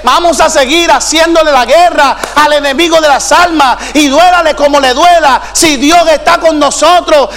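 A male pastor preaching a sermon, swinging between shouted declarations and sung lines. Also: very high-pitched, in a large hall, slight background noise. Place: church sanctuary.

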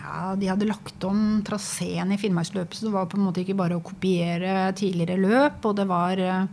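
A woman's voice: medium pitch, steady tone, vocal fry, a little mellow, slight background noise. A woman with a Norwegian accent, a guest on a podcast, recalling her sled dog races in a reflective, casual way. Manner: reflective, recalls memories with pauses and fillers. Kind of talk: casual conversation.

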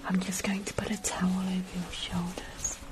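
Softly whispering woman, ASMR ear cleaning. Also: fairly low pitch, flat delivery, poor audio. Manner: soft unvoiced whisper, slow and careful. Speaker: ear-cleaning roleplay practitioner. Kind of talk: ASMR roleplay.

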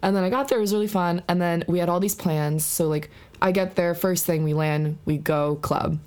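A woman's voice: on the low side, fairly even intonation, moderate pace, darkish tone. A young woman co-hosting a podcast, telling long stories in casual chat, peppered with "like". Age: young adult. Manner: rambling storytelling, full of "like". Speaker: podcast co-host.

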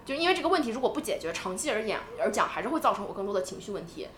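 A woman co-hosting a podcast in casual chat, animated and talking in quick bursts with restarts. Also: mid-range voice, echoey room, slight background noise. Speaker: podcast co-host.

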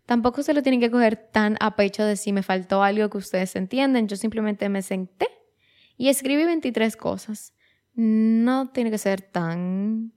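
A woman's voice: mid-range voice, a little mellow. Woman, 23, host, casual reflective monologue, chatty, restarts phrases, mixes in English words. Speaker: podcast host.

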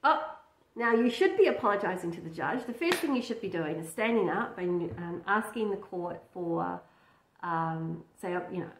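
An Australian woman, a lawyer, giving chatty reaction commentary and laughing often. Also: fairly low pitch. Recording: echoey room, faint noise.

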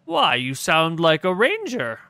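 A man's voice: fairly high pitch, huge pitch swings, a little slow, pushed and bright, no room sound, pitched above the performer's own voice, heavily acted. A man voicing a chatty trader who rambles scornfully about dwarves in a folksy way. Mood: gossipy.

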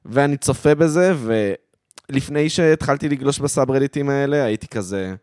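A podcast co-host who talks in a loose, relaxed, conversational way with a mid-range voice. He tells his stories casually and teases his partner. The close mic gives a dry sound. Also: medium pitch, no room sound. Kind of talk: casual chat.

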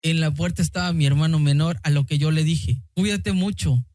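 A man's voice: on the high side, flat delivery, fairly quick, a little mellow, no echo, studio quality. A man with a Mexican accent narrating a personal story in the first person, earnest and emotional.

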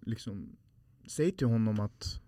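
A man's voice: fairly low pitch, lively intonation, dark tone, no echo. A man, a podcast guest telling a personal story in a heartfelt, rambling way with many fillers.

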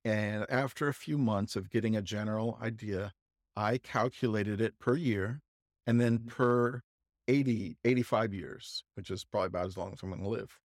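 A man co-hosting a podcast, telling a casual, halting anecdote full of restarts and asides. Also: on the low side, no room sound, studio quality. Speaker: podcast co-host. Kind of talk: casual storytelling chat.

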